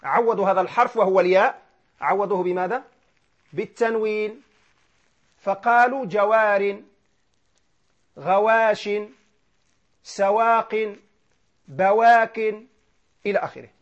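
Male grammar teacher, high voice, quizzes the class and answers himself; dull lo-fi lecture recording. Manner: asks questions and answers them himself; repeats key words and chants Quran verses slowly.

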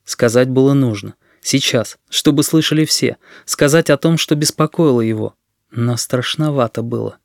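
Male audiobook narrator, steady and even, mid pitch, dry close sound. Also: moderate pace, creaky, dry recording. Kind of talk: scripted narration.

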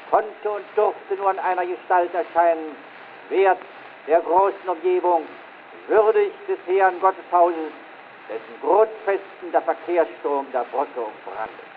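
A high-pitched man delivers a solemn, grandiloquent official dedication speech in early 1900s oratorical style. The old phonograph recording is tinny and narrow, with faint scratchy noise throughout.

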